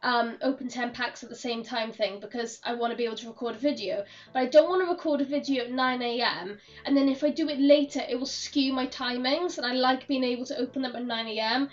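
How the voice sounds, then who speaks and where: A woman streaming a game, chatting in a rambling way with frequent laughs while her voice is hoarse and croaky. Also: sits high. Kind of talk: casual chat while gaming. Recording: dull, slightly distant mic.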